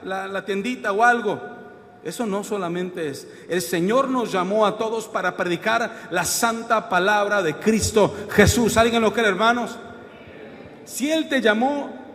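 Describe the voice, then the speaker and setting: A man's voice: extremely high pitch, fairly bright tone, big-room sound. A man preaching a sermon in a church, calling out questions to the congregation. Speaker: pastor. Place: church hall.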